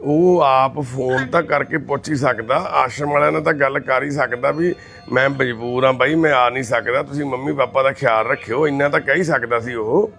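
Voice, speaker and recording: A man's voice: medium pitch, fairly even intonation, a little fast, creaky, a bit bright, soft background music. A man from a charity making an earnest, pleading appeal to viewers. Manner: earnest and pleading, soothing with the mother. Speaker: charity volunteer.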